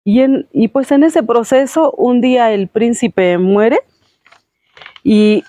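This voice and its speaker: A woman retells a fairy tale in a relaxed, homely way, full of little fillers and restarts. Her voice sits a little high and the sound is close and dry. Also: takes it slowly, no room sound. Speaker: host retelling a story. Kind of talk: casual storytelling.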